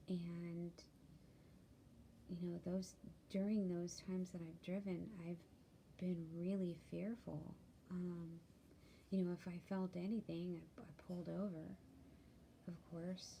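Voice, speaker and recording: Woman, sleepy and worried, dark husky tone, low pitch, many ums, personal vlog. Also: flat delivery, takes it slowly, pauses often, slight background noise. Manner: tired and worried, soft-spoken, many ums, drifts into whispers. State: sleepy, yawning. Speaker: vlogger sharing a health update. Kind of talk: candid personal vlog update.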